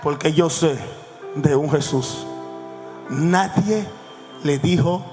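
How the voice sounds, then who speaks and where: A male pastor preaching a sermon, swinging between hushed lines and shouts and calling the congregation to repeat after him. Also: fairly high pitch, slow pace. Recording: echoey hall with faint music.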